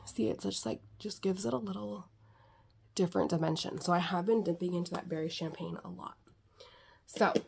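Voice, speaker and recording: A woman's voice: on the low side, vocal fry, a little mellow, a little hiss or hum. A middle-aged woman vlogging casually about her eyeshadow palettes, chatty and rambling, with lots of fillers. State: a little winded. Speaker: beauty vlogger. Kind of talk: casual makeup chat.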